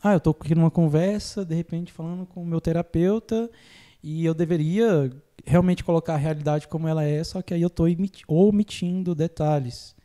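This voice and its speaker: A man in casual conversation, his tone mellow and unhurried. He explains therapy ideas step by step and mimics clients in a lifted voice. His laughter comes easily. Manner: acts out clients' lines in a higher voice, laughs easily. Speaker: podcast host, phobia therapist.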